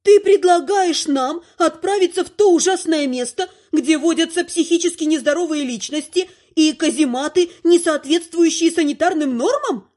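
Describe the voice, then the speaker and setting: A woman's voice: very high voice, moderate pace, hardly any pauses, darkish tone, voice pushed up. A woman doing a haughty scolding old grandmother. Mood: indignant scolding. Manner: indignant, lecturing, theatrical.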